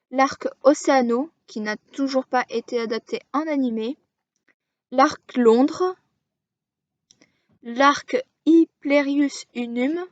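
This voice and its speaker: A woman casually explaining to camera as an anime video creator, halting and pausing often as she works through a list. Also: sits high, no echo. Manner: halting, frequent hesitations while listing titles. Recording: dull lo-fi dry recording.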